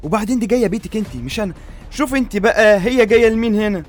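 An indignant young groom, as a man plays him, firing off defensive denials at breakneck speed. His Egyptian Arabic jumps around in pitch, with faint music behind. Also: sing-song, very fast, lightly acted.

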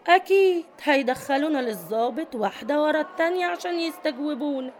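Brief: woman as domineering Egyptian lady prison boss, higher voice, bossy and scolding, faint hiss. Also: expressive, quick pace. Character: tough domineering middle-aged female prison boss.

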